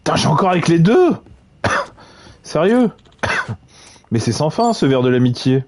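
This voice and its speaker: A man's voice: fairly high pitch, a little slow. Chatty man streaming a game. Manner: relaxed, chatty, stammers and repeats words, swears casually. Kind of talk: casual gaming live-stream chat.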